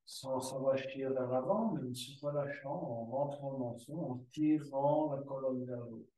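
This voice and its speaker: A man teaching a yoga class, calling out poses and breath cues in slow, drawn-out repetitions. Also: mid-range voice, dark tone. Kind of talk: guided yoga class instruction. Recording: very echoey room, voice from far off the mic.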